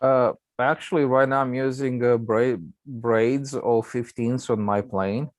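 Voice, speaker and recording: A man's voice: mid-range voice, fairly even intonation, unhurried, dry recording. A man talking casually as a guest on a hangout, explaining technical details in a tentative way. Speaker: hobbyist guest on a video hangout.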